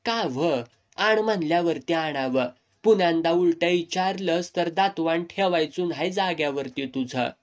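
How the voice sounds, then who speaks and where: A man voicing a gruff, domineering village landlord who threatens his servants. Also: a little high, measured pace, close to an everyday voice. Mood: harsh. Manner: harsh and bullying.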